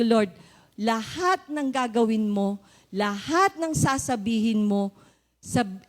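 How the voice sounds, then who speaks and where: A woman's voice: mid-range voice, darkish tone. Earnest woman giving a church testimony. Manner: earnest, polite, addresses the congregation as brothers and sisters.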